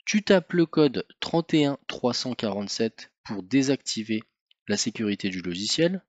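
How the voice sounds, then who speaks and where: A man narrating a step-by-step car tutorial, calm and methodical, speaking informally to the viewer. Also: medium pitch, normal speed, no room sound, lo-fi sound. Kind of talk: step-by-step instructional voice-over.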